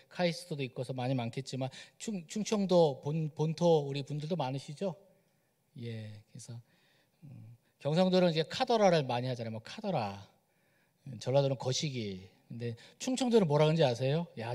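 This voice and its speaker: A man's voice: medium pitch, warm tone. A middle-aged man from Seoul gives a humorous, conversational guest sermon and keeps asking the congregation questions. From Seoul, South Korea. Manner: chatty, joking, asks the congregation questions. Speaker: guest preacher. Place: church sanctuary. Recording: long hall reverb in a church.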